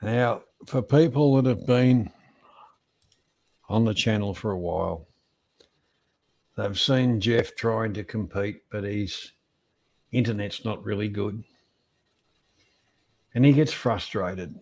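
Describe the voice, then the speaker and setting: A man's voice: fairly low pitch, takes it slowly, long pauses, a little mellow. A middle-aged man with an Australian accent, hosting in a casual, rambling, slangy way and telling anecdotes. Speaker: host of a trivia show.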